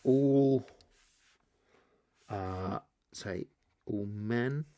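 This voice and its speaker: A man explaining key terms in a relaxed lesson, thinking aloud as he draws and often restarting his sentences. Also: on the low side, extremely slow. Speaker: teacher. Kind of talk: explainer lesson while drawing.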